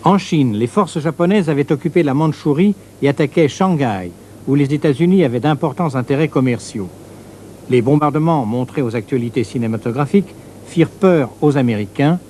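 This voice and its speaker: A man narrates a historical documentary from a script. His voice is mellow and mid-pitched, with a sober, measured delivery. Faint film ambience runs behind him. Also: slight background noise.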